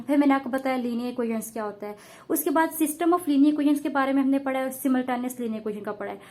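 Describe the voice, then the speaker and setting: High-voiced woman teaching math, echoey room. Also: mellow. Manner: patient, repeats points, often addresses children. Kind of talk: classroom lesson explaining step by step.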